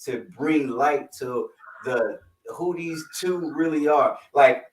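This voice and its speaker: A man's voice: fairly high pitch, slow pace, a little hiss or hum. A man co-hosting a podcast, chatting playfully in slang before introducing his guests over a video call. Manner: animated, playful, lots of slang and fillers. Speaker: podcast co-host. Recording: echoey, distant from the mic.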